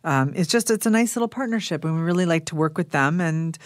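A woman's voice: sits low, expressive, fast, no echo, clean studio sound. A woman talking casually as a travel industry guest on a radio show. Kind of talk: casual radio interview chat.

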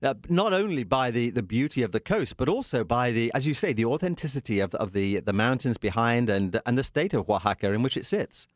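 A man hosting a radio travel show with an animated, polished promotional delivery, scripted and descriptive. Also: mid-range voice, a little fast, few pauses, no room sound, clean studio sound. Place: radio studio. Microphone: close studio microphone.

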